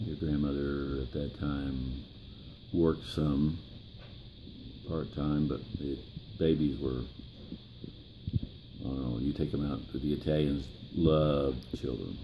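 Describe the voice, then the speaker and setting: An elderly American man with a gravelly old voice, reminiscing in a plain-spoken, halting way in an interview. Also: a bass voice, fairly even intonation, background noise. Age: 70s or older. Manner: plain-spoken, halting, pausing mid-phrase. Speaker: interviewee, grandfather.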